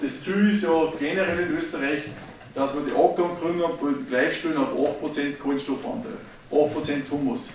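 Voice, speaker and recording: A middle-aged Austrian man lectures farmers in an emphatic, down-to-earth way, speaking directly to the crowd. His voice sits a little high. It comes from well away from the mic and rings around a big echoey hall. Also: far from the mic, slight background noise. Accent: Austrian German. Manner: emphatic, folksy, addresses audience directly. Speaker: agricultural speaker.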